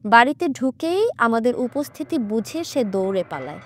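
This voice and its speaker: A woman voicing an angry male jinn possessing a young man in a horror audiobook, shouting threats and later pleading tearfully. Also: on the high side, big pitch swings, moderate pace. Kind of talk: audiobook character voice.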